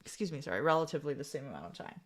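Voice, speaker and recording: A woman with a gravelly voice co-hosting a casual live podcast, chatty and relaxed. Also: deep voice, rapid-fire. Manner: relaxed, chatty, thanks listeners. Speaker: podcast co-host.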